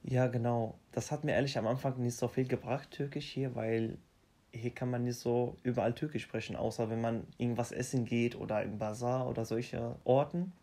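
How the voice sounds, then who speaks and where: Halting and prone to restarting his sentences, a young man answers questions in a casual interview. His voice is middle-pitched and even, his phrasing plain and simple, and Arabic is his first language.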